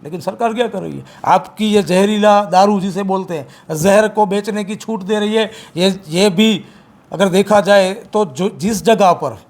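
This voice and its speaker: A man speaking as an activist in an interview, forceful and repeating his points with emphasis. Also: sits high, measured pace. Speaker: campaign activist. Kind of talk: interview, political criticism.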